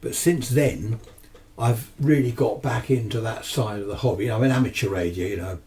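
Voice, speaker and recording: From his home radio shack, a British man with a lowish, warm voice chats at a moderate pace about his amateur radio hobby. The talk is casual, unscripted, rambling and matter-of-fact, picked up by a distant microphone amid noisy room ambience.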